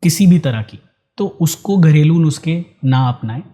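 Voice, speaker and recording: Mellow-voiced male ENT doctor explaining. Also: fairly high pitch, moderate pace. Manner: calm, mixes Hindi with English phrases. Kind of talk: explanatory interview answers.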